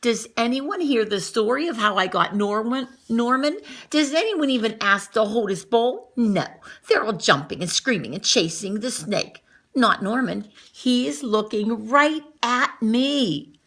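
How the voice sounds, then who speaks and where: In an unhurried, rather high voice, a woman reads a picture book for children in a teacher's style. She expressively performs the characters' lines and remarks on the illustrations along the way.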